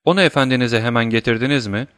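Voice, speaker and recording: A man voicing a middle-aged male doctor who questions urgently and speaks gravely. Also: mid-range voice, quick pace, a bit bright, dry recording, studio quality, close to an everyday voice.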